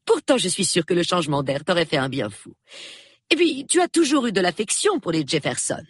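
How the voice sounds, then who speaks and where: Brisk, sharp-eyed wife played by a man reader, high and animated, slightly breathy, dry booth sound. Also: no room sound, exaggerated voice. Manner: bright, pointed, high-pitched. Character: lively middle-aged woman, brisk and sharp-eyed. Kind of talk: audiobook character voice.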